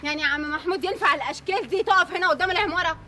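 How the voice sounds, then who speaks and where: A woman's voice: very high voice, racing, pushed and bright. A woman with an Egyptian accent playing a snobbish rich mother who scolds and looks down on others. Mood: scornful. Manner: scornful, scolding, condescending.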